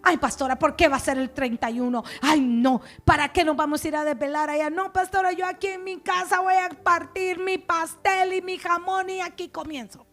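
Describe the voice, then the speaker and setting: A woman's voice: very high-pitched, steady tone, moderate pace, hardly any pauses, fairly bright tone, faint music behind. Give me a woman playing a whiny church member grumbling about going out. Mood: complaining. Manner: complaining, whiny.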